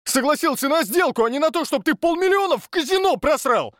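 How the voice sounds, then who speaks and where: Audiobook: a man playing a hysterical shouting partner, strained high yells, dry room. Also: wildly swooping pitch, slow, no echo, heavily acted. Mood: enraged. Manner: yelling, hysterical. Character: furious shouting male business partner. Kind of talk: audiobook narration.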